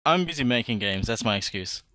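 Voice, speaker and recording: A man's voice: mid-range voice, animated, a little fast, bright, forceful tone, no echo. A man co-hosting a casual podcast chat, jokey and laid-back. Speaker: podcast co-host.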